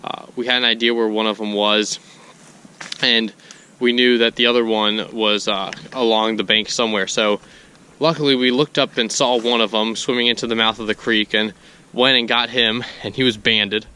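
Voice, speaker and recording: A man's voice: fairly low pitch, fairly even intonation, normal speed, sharp tone, smooth. A young man, out of breath, telling a rambling vlog story to camera while walking outdoors through woods. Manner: rambling, self-correcting storytelling. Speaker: hunting vlogger. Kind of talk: casual vlog narration to camera.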